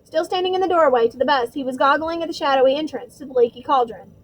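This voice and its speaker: High-voiced woman reading an audiobook. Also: quick pace, rough recording. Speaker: audiobook reader. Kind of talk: audiobook narration.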